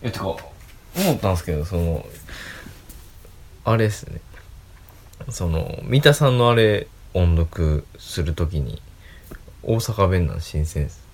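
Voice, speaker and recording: A man's voice: low voice, lively intonation, unhurried, long pauses, slight background noise. A man with an Osaka accent chatting casually as a co-host, wry and joking, often chuckling as he talks. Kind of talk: casual chat.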